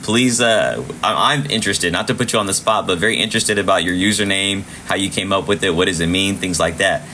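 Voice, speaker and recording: A low-pitched man talks fairly quickly over a faint hiss or hum. He's hosting a live trading stream, tossing out casual chart commentary, chatting, repeating himself and shouting out viewers with thanks. His voice is clearly giving out.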